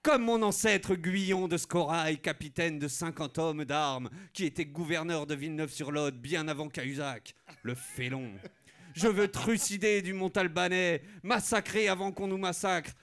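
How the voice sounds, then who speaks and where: Bloodthirsty male aristocrat, pompous and bombastic, pitched high; a man plays him. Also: fairly even intonation, moderate pace, fairly bright tone, close to an everyday voice.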